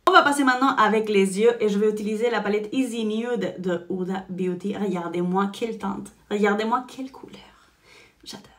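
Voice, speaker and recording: A woman's voice: medium pitch, a little fast, hardly any pauses, fairly bright tone. A young woman with a Spanish-influenced French accent, chatting casually through a makeup tutorial and dropping "en fait" often. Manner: chatty, frequent "en fait" fillers. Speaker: beauty vlogger.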